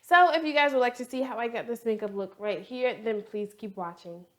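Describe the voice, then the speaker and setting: A woman beauty vlogger with a cold-roughened, hoarse voice, chatting and rambling playfully through a makeup tutorial. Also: on the high side, fairly quick. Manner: talkative, rambling, playful asides.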